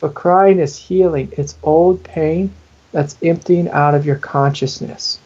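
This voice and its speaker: A man's voice: on the high side, steady tone, a little slow, a little mellow, muffled recording. A man who is a spiritual teacher, answering in an interview in an earnest, intimate way and sometimes acting out the inner voices he describes.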